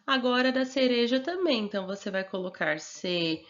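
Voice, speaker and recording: A woman's voice: on the high side, fairly quick, dull audio. A woman teacher with a Brazilian Portuguese accent, giving a recorded lesson to young children and patiently sounding out words syllable by syllable.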